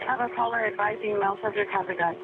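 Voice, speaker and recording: A man's voice: high voice, steady tone, fast talker. A male police dispatcher calling out clipped dispatch calls over a police radio transmission. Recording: tinny radio audio with music under it.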